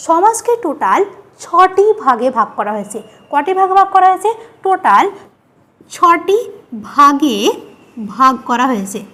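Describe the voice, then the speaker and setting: A woman with a very high, bouncing voice leads an exam-prep grammar lesson. She poses questions to her students and answers them herself, saying each key word again, slowly. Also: a bit bright. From West Bengal. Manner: repeats key words, asks and answers her own questions. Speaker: teacher.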